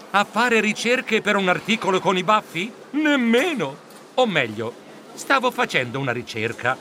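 A man narrating a children's storybook in the first person as a fussy, flustered mouse editor, in an animated, comically flustered manner. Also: high-pitched, a little hiss or hum. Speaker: audiobook narrator.

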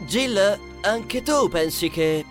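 Measured young male influencer, read by a male narrator; slightly raised, faint music behind. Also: high voice, lively intonation, full character voice. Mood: polite. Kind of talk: audiobook character voice.

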